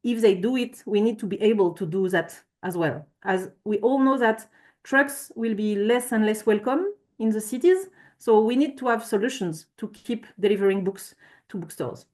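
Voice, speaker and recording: A woman's voice: mid-range voice, moderate pace, darkish tone. A woman giving a conference presentation with slides, speaking hesitantly with frequent fillers and self-corrections.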